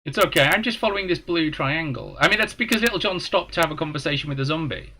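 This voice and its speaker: Brief: lively, bright-voiced male host, teasing, slightly high. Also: quick pace. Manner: teasing, playful, talks to the audience. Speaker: stream host. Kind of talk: casual gaming chat.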